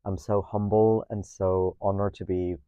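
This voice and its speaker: This Mexican man in his thirties, a native Spanish speaker with a Mexican accent, is a guest in a reflective conversation. His voice sits low and level, a little slow, mellow, clear and resonant, with no room sound but dull audio. He often hesitates, repeats words, and ends thoughts with "no?".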